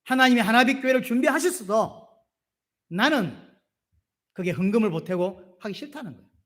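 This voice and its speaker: A middle-aged male pastor preaching a sermon, casual and joking, acting out quoted lines in loud high bursts. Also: expressive, normal speed. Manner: colloquial, joking asides.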